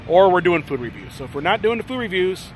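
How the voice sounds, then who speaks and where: Yankee guy doing a travel vlog, kinda high voice, lots of "right?", noisy street behind. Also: big pitch swings, fast. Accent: Northern US. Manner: chatty, keeps asking "right?". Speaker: vlogger. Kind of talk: casual travel vlog chat. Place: out and about on a rainy tourist street.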